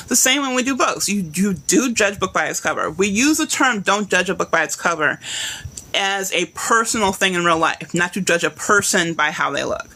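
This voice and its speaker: A woman's voice: medium pitch, bright, forceful tone. A woman teaching a live online writing class, talking in a chatty way and acting out readers' reactions.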